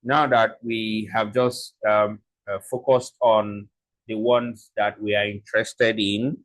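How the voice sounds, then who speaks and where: A man giving a step-by-step software tutorial, dictating what to type piece by piece and often checking in with short tags. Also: lowish voice, level tone, takes it slowly, rough recording. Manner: dictating code symbol by symbol; frequent check-in tags like okay and right. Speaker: software instructor.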